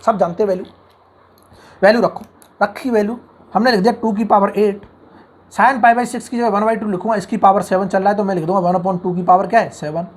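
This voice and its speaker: A male tutor with a husky, somewhat breathy voice that sits fairly high for a man. He talks briskly through a calculus lecture, tossing questions at the class and answering them himself. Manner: acts out imagined student objections in the class's voice. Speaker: engineering mathematics tutor. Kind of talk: online math lecture.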